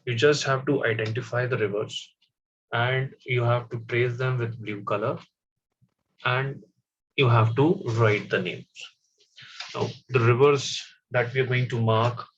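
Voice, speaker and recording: Slow-talking male teacher explaining a map. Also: medium pitch, steady tone, slight background noise. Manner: slow, stop-start explaining with fillers. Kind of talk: classroom map lesson. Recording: dull, slightly lo-fi audio.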